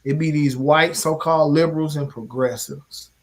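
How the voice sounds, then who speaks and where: St guy, organizer, cussing and animated, kinda higher voice. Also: moderate pace. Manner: animated, swearing storyteller. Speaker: community organizer. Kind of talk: casual chat.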